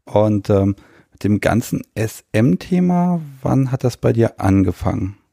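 A man's voice: on the low side, animated, slow pace, gravelly, dark tone, no room sound, clean studio sound. A man hosting a podcast and interviewing a guest in a casual, conversational way. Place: guest's living room.

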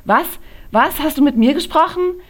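A woman voicing a cheeky, loud young woman friend who talks sharp and brash. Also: lowish voice, expressive, unhurried. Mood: teasing, loud.

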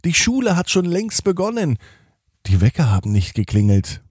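A man voicing a flustered, excited mother who has overslept, talking in a hurried way. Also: lowish voice, husky, dry recording, clean studio sound. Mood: alarmed.

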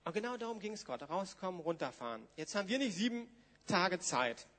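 A man's voice: high-pitched, animated, brisk, fairly bright tone. A man, preaching informally to a congregation and reading scripture aloud in a church hall. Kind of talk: sermon with Bible reading. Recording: long hall reverb.

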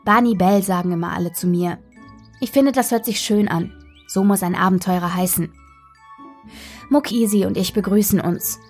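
A woman reading a children's story aloud in a gentle, playful way, narrating as a dog in the first person. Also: medium pitch, moderate pace, pauses often, soft background music.

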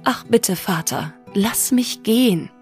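A woman's voice: fairly low pitch, fairly even intonation, moderate pace, faint music behind, close to an everyday voice. A woman voicing a brave, determined youngest daughter in a fairy tale, speaking earnestly and boldly. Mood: pleading. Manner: earnest, bold.

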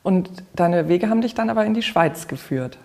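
Calm interviewer of middle pitch. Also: brisk, creaky. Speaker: podcast host, interviewer. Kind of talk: scripted intro and interview questions. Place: artist's studio.

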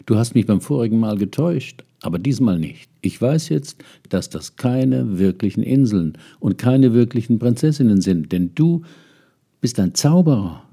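A man voicing an indignant young prince who wants the truth, with a husky, gravelly voice. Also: fairly low pitch, fairly even intonation, measured pace, mellow. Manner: earnest, rising to indignant outbursts.

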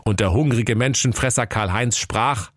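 A man's voice: medium pitch, moderate pace, no room sound, clean studio sound. A man narrating a comic fairy tale in a playful storyteller's voice, addressing children.

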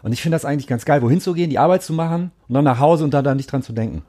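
A man's voice: on the high side, very fast, dark tone. A man hosting a podcast interview, easygoing and slangy, agreeing often while asking his guest questions. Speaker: podcast host. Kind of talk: casual interview chat.

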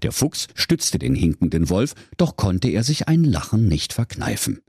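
A man narrating a comic fairy tale in a playful, expressive storytelling manner. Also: fairly low pitch, unhurried, breathy edge, no room sound, clean studio sound.

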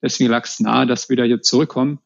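Speaking fast in a steady, medium-pitched, gravelly voice, this interview guest from the Berlin area of Germany works as a customer experience manager. His informal answers are full of repeated words. There's no echo, though the recording is muffled.

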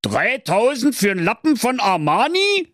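A man voicing a rich, stingy, boastful man who talks loudly and rudely in a Berlin accent. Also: high voice, very animated, measured pace, no echo, studio quality, voice pushed up, heavily acted. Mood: blustering. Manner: loud, rude, blustering.

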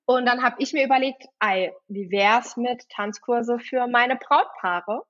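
This podcast guest, a wedding officiant in her 20s from Germany's Saarland, giggles and chats freely with lots of fillers while nursing a slight cold. She speaks a little slowly in a fairly high, somewhat bright voice, captured on a muffled recording.

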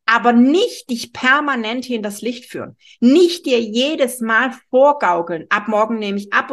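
A middle-aged woman who coaches weight loss hosts a monologue podcast, addressing the listener directly in an emphatic, strict manner and often adding a questioning "ja?". Her voice is fairly high-pitched and fairly bright, recorded on a studio microphone.

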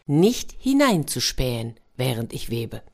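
Woman voicing a gentle crane-maiden, soft and earnest, low voice, storybook tale. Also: very animated, unhurried, vocal fry, exaggerated voice. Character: gentle young crane-maiden, kind and grateful.

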